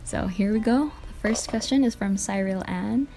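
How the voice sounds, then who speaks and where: Mellow Filipino woman, dictaphone-recorded podcast. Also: mid-range voice, normal speed. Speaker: podcast and vlog host. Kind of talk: casual solo podcast Q&A. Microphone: handheld voice recorder, dictaphone. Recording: voice recorder with music behind. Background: music.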